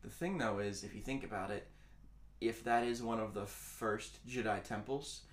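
A man co-hosting a podcast in casual chat, calmly explaining his view. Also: on the low side, moderate pace, roomy sound. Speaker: podcast co-host.

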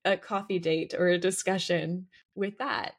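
A woman co-hosting a podcast and working as a coach, talking in a reflective, halting way with many fillers. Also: fairly low pitch, steady tone. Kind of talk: casual podcast conversation.

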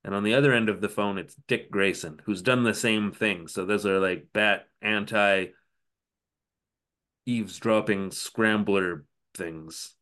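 A podcast co-host with a slightly low, fairly bright voice recaps with dry sarcasm, as though chatting with a friend. His casual pace is loose and unhurried, and he slips in mocking quotes of the characters.

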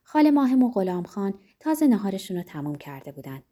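A woman narrating a novel in a gentle, reflective storytelling manner, giving the characters' dialogue her own voice. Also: medium pitch, big pitch swings.

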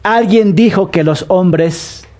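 A Peruvian pastor in middle age delivers a sermon in a fairly high voice with a soft, mellow tone. He takes his time, asking the congregation questions and leaning on slow, deliberate repetition. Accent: Peruvian Spanish. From Peru. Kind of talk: sermon, Bible study.

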